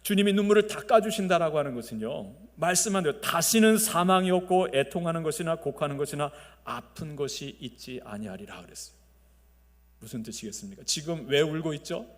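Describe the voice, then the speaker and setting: A male pastor preaching a Sunday sermon, swinging between loud emphasis and soft, quiet phrases, and leading the congregation to repeat after him. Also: fairly high pitch, lively intonation, brisk. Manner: leads the congregation in call-and-response. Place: large church sanctuary. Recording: long reverb of a church sanctuary.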